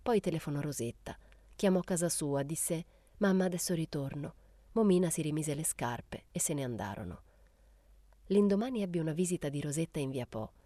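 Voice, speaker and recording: A woman narrating a literary audiobook in a measured, unhurried way. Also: deep voice, dark tone, no echo. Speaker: audiobook reader.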